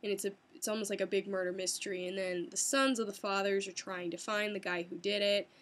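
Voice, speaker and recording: A young woman from the United States casually recapping her experiences in a chatty, animated way, laughing often and using many fillers. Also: mid-range voice, brisk. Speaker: vlogger. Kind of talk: casual first-person recap.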